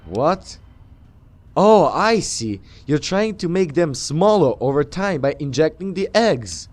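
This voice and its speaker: A man role-playing through a video game as he plays, speaking in halting, improvised commentary. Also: fairly high pitch, animated, a little mellow. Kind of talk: in-character let's play commentary.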